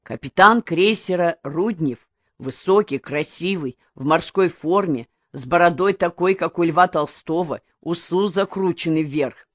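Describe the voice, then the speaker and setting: A woman's voice: lowish voice, measured pace, dry recording. A woman voicing an eager, bookish teenage boy who retells a story he read.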